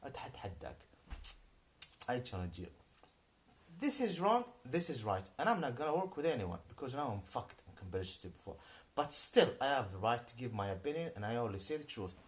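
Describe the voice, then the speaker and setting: Guy around 40 ranting on youtube, jumps from yelling to mumbling, voice all over the place. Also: very animated, slightly rough. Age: about 40. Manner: erratic, swings between shouting outbursts and low muttering; halting, repetitive phrasing. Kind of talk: ranting monologue.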